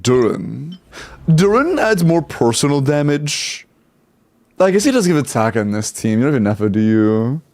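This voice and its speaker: A man's voice: medium pitch, very animated, moderate pace, darkish tone, dry recording. A man streaming a game, talking casually to his chat over a headset mic, stumbling and repeating words as he reacts. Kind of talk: casual livestream commentary while playing. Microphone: headset mic on a livestream.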